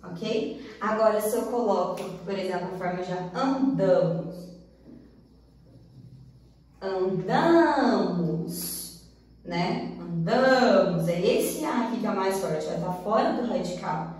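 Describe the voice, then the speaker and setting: A woman's voice: medium pitch, normal speed, a little mellow. A woman with a Brazilian Portuguese accent teaching a grammar lesson, who keeps checking in with the class as she explains. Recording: very echoey room, far from the mic.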